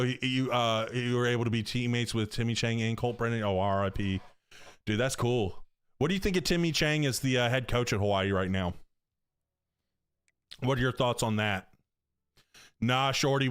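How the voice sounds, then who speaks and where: A man's voice: medium pitch, a bit bright, dry recording, studio quality. A man in his thirties streaming a football video game, talking in a loose, slangy way with lots of fillers. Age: 30s. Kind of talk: casual live-stream chat.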